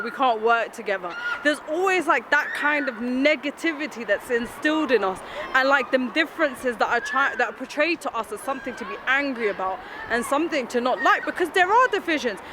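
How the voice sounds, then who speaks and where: A woman in a casual street interview, talking eagerly and at length. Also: fairly high pitch. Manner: eager, animated, talkative. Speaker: interviewee, freelance journalist. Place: outdoors at a festival. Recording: outdoor crowd and noise behind.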